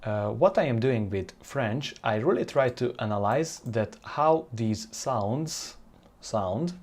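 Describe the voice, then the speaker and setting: A man from Hungary, a native Hungarian speaker with a Hungarian accent, giving an informal language-learning tutorial in halting, searching phrases. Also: medium pitch, expressive, a little mellow.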